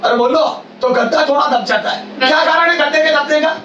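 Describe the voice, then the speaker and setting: A man teaching physics to a room of students, his high, bright voice pushed to near-shouting as he drills each point over and over. He is recorded from a distance in an echoey classroom, with a faint hiss behind him. He keeps checking that the class is following along. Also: brisk, muffled recording. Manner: loud, near-shouting delivery, repeats phrases and quizzes students. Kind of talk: classroom lecture.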